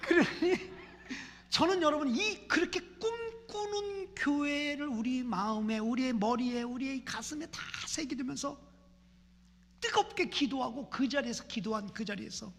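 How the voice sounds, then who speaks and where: Preaching fervently in a church sanctuary, this Seoul pastor repeats lines that build into rising prayer chants. Her voice sits high and her pace is unhurried, with the echo of a reverberant church hall around her.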